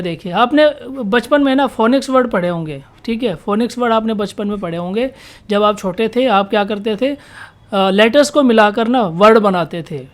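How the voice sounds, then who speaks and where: A woman teaching a vocabulary lesson for exam students. She asks questions and answers them herself, repeats key words, and reads the English definitions out slowly. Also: a little high.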